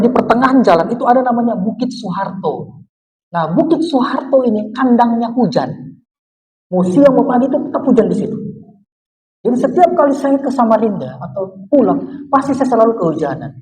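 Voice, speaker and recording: A man pastor telling a story in a sermon, acting out the dialogue with sudden loud outbursts. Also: sits high. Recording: preacher heard from a distance.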